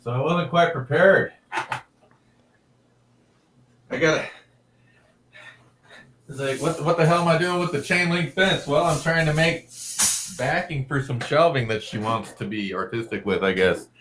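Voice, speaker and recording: A middle-aged man co-hosting a casual live stream, his voice bright and forceful. He talks loudly by habit and jokes about himself as he chats. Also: fairly high pitch, unhurried, long pauses, a little hiss or hum. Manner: loud, joking, self-deprecating. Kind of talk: casual chat.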